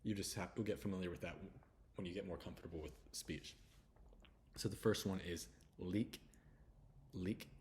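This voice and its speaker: Deep-voiced man teaching pronunciation. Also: a little hiss or hum. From United States. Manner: relaxed, repeats sounds slowly, chatty asides. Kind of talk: slide-based pronunciation lesson.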